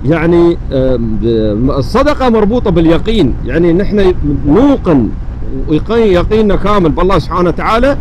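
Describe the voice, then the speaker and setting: Fast-talking Emirati man over traffic noise. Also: high-pitched, rough recording. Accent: Emirati Gulf Arabic. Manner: earnest, repeats phrases for emphasis. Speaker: motovlogger. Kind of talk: casual religious reflection while riding. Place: outdoors on a motorbike in traffic. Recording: steady vehicle and traffic noise.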